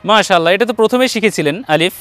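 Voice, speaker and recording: A man's voice: high-pitched, expressive, fast, fairly bright tone, dry recording. A man with a Bangladeshi Bengali accent, teaching Quran letter pronunciation online and patiently repeating each sound for his students.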